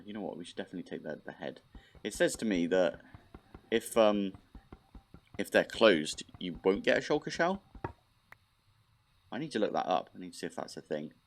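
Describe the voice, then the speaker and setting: Mildly exasperated and a little stuffed up, a man with a lowish voice thinks aloud while casually commentating his modded block-building game as a Minecraft let's play host.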